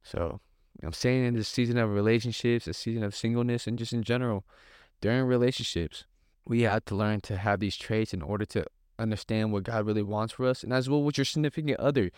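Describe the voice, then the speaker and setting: A man's voice: on the low side, steady tone, a little fast, a little mellow, smooth, no room sound, clean studio sound. Earnest man giving casual faith talk. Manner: earnest, conversational preaching with repetition. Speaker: podcast host.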